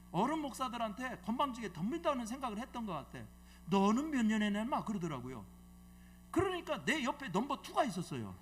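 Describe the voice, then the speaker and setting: A middle-aged man with a very high-pitched, somewhat bright voice preaches a revival sermon in a church sanctuary. He's a guest preacher and bishop who tells a story in a colloquial, joking way while quizzing the congregation with questions.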